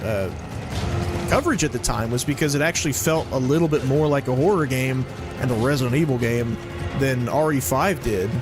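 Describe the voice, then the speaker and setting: A man talks his way through a game session in a loose, rambling commentary, starting and restarting his thoughts as he goes. His voice sits at an ordinary middle pitch. Loud game music plays underneath him the whole time. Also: a little fast. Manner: chatty, rambling, thinks aloud with restarts. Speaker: gaming commentator. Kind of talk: casual let's-play commentary.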